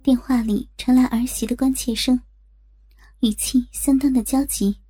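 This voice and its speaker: A woman reading scripted story narration in a soft, breathy, creaky voice. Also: high voice, steady tone, moderate pace.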